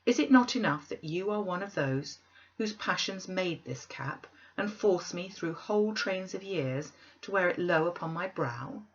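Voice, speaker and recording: A woman voicing a solemn, gentle ghostly spirit with a measured, stately delivery in a storybook reading. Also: lowish voice, animated, muffled recording. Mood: reproachful. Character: solemn, gentle, dwarfish Ghost of Christmas Past.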